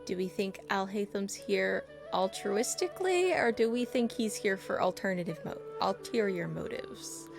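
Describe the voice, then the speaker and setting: Gravelly and animated, this woman's medium-pitched voice moves at a normal speed with few pauses. She's a playful, chatty game streamer, talking casually and reacting to her game while its music plays behind her.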